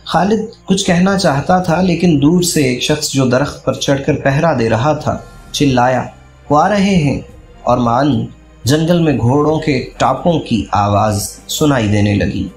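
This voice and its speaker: A man's voice: medium pitch, unhurried. Man reading a dramatic novel aloud. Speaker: narrator. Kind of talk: audiobook narration of a historical novel. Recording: echoey room with faint music.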